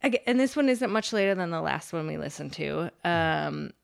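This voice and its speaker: Young woman, lowish voice, casual chatter, filler words everywhere, laughs easily. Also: expressive, normal speed, gravelly, smooth. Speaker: preschool teacher sharing her sleep-talk recordings. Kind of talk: casual podcast chat.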